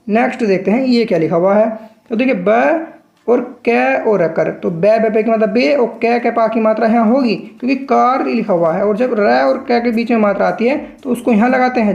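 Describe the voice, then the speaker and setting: A woman teaching shorthand in a patient tutorial, slowly spelling out each stroke and repeating syllables. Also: fairly high pitch, vocal fry, a little mellow, reverberant, muffled recording. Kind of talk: step-by-step tutorial explanation.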